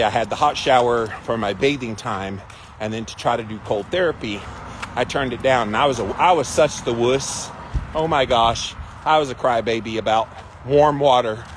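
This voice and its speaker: A man with a mid-pitched voice talks casually to his livestream viewers like a coach. He stresses and stretches key words as he explains. Clear outdoor noise, with some vehicle sound, sits behind him. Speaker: livestream host.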